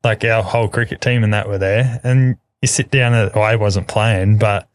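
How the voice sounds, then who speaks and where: A man's voice: lowish voice, steady tone, normal speed. An Australian man hosting a podcast in casual chat, blunt and laid-back, swearing freely. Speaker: podcast host.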